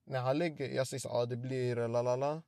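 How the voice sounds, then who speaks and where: Young man telling a lively story. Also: medium pitch, no echo, clean studio sound. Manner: animated storytelling, acts out quotes, slangy street talk. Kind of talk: casual chat.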